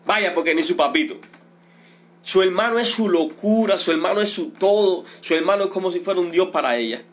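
A middle-aged Cuban man, a father of a detained protester, making an emotional, indignant and repetitive appeal in a livestream. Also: sits high. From Cuba. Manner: pleading, indignant, repetitive, drawn-out emphasis.

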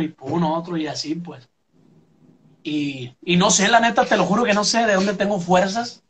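A young man with a Mexican accent talks in a relaxed, rambling way, filling gaps with "este" and punchy "pum" sounds. His voice sits a little high for a man, and there is a faint hiss of noise behind him. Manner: conversational, many fillers and "pum" sound effects. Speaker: musician interviewee. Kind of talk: casual interview.

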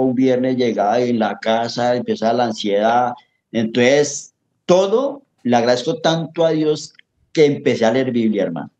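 Speaking in a mid-range, slightly mellow voice on a recording with the highs cut off, a middle-aged Colombian-accented man shares an emotional testimony as an interview guest. The chat is casual, yet he is earnest and preachy, frequently addressing the host as brother, papi, and hermano.

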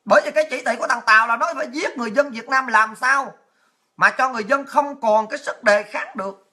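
Woman commentator, sharp bright tone, swearing, crude and heated delivery. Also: a little high, quick pace. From Vietnam. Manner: blunt, crude, fiery, swears a lot. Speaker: political commentator. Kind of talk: impassioned political rant to viewers.

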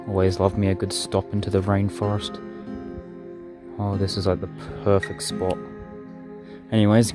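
A young man, chatting in an easygoing, rambling way as he narrates his vlog and comments on a bushwalk. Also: on the low side. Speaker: vlogger.

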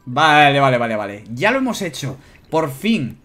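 A man with a Spanish accent giving casual, animated commentary on a video game as he plays, swearing and shouting at his own mistakes. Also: mid-range voice, moderate pace. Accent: Spanish from Spain. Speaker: gameplay YouTuber. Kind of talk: casual let's-play commentary. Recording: music playing behind.

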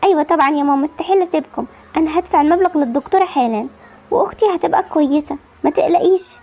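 A woman doing a kind egyptian girl, reassuring, high and quick. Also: mellow. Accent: Egyptian Arabic. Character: kind, generous young woman.

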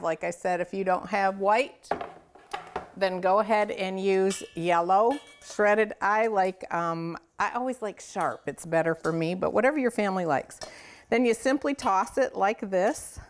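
In a home kitchen, a middle-aged woman hosts a casual cooking demonstration, speaking directly to viewers in a chatty, folksy, enthusiastic way. Her voice is mid-range and her pace moderate, with slight background noise.

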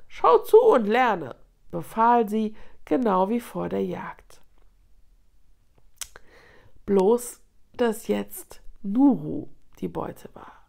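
A woman reading a children's storybook aloud in an expressive, dramatic way. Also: mid-range voice, gravelly. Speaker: children's book reader.

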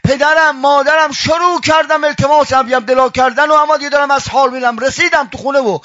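A male preacher with a high, bright voice gives a religious lecture, acting out his story in an animated, theatrical way. The recording is dull and lo-fi, dry and close with no room sound. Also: no echo, soft background music.

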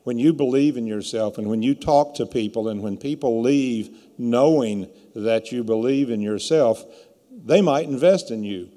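A man in his fifties with a hoarse, rough voice gives a plain-spoken, emphatic motivational keynote speech into a stage microphone. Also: mid-range voice, moderate pace, dark tone. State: hoarse from yelling all day. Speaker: keynote speaker, entrepreneur. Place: indoor brick-walled event venue, on stage. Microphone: stand microphone at lectern. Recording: echoey hall with long reverb.

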